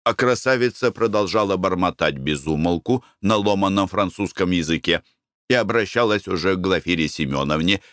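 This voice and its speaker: Expressive male audiobook narrator. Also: low-pitched, moderate pace, no room sound, clean studio sound. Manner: expressive, storytelling.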